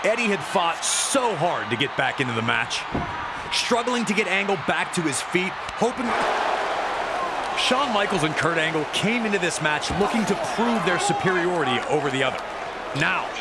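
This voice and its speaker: Over the roar of an arena crowd, a man narrates scripted wrestling action with drama and emphasis. As a sports narrator, he sounds a little high and animated, speaking at normal speed, with loud crowd noise behind his voice.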